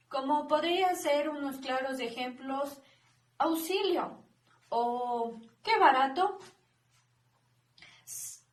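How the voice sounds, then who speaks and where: A woman student giving a class presentation, reading slowly and deliberately with small slips. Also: sits high. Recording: echoey room.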